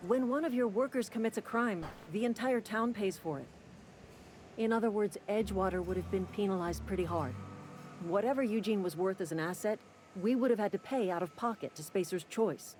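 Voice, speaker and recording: A man voicing a gruff, cynical company-town clerk in video game dialogue, speaking curtly and sardonically. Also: high-pitched, fairly quick, a little mellow, soft background music, lightly acted, poor audio. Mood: curt, sardonic. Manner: curt, sardonic and impatient.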